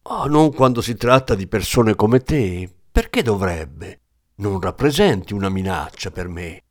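A man's voice: lowish voice, expressive, measured pace. A man voicing a hard-boiled, contemptuous police inspector in an audiobook, speaking in a scornful, cutting way.

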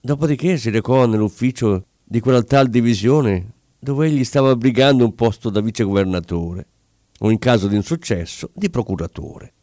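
A man reading a story aloud as scripted narration, telling it in an expressive and dramatic way with pauses. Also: medium pitch, dry recording, clean studio sound. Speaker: audiobook narrator.

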